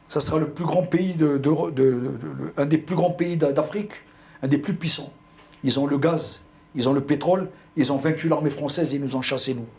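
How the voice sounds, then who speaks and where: A slightly mellow voice on the high side belongs to an older man from Algeria. Speaking with a pied-noir French accent, he tells an interviewer about his past, hesitating and repeating words along the way.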